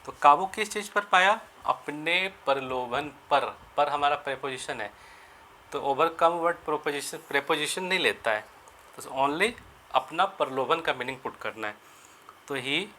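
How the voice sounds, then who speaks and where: A man teaching English grammar in Hindi, explaining each sentence step by step and slowing down to spell out the English phrases. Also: on the high side, sharp tone, slight background noise. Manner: repeats and rephrases sentences, asks and answers his own questions. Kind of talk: Hindi-medium grammar lesson.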